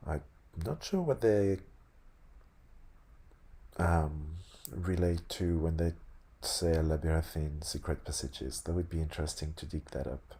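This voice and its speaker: Man, very low husky voice, slushy lisped s, halting read-aloud, frequent self-corrections. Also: mellow. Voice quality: lisp on s sounds. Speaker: host reading a tabletop game sourcebook aloud. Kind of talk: reading aloud with casual asides.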